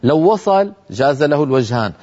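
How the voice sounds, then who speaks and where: A man teaching Quran recitation rules in a televised lesson, explaining calmly and chanting the examples slowly. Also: mid-range voice, lo-fi sound. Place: television studio.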